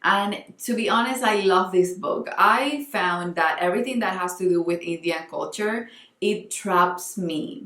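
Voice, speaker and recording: A woman's voice: on the low side, fairly bright tone, roomy sound. A young Colombian woman with a Spanish accent, talking earnestly in a casual book vlog and often restarting as she searches for words. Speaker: book vlogger.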